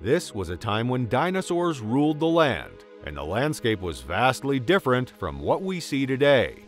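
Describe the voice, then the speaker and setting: Nature documentary narrator, male, mid-pitched and lively, dramatic storyteller, light music underneath. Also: moderate pace. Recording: music behind the voice. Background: background music.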